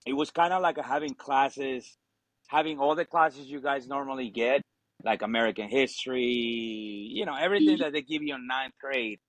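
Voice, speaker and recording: A man's voice: medium pitch, normal speed, fairly bright tone, no room sound, poor audio. Easygoing Ecuadorian-born man, dry close sound. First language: Spanish. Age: 40s. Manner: easygoing, swears, leans on fillers. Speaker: podcast guest, Marine veteran. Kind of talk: casual chat.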